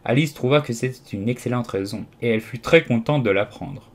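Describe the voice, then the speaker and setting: A man narrating a classic children's story as an audiobook, steady and expressive. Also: mid-range voice, brisk. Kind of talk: scripted narration.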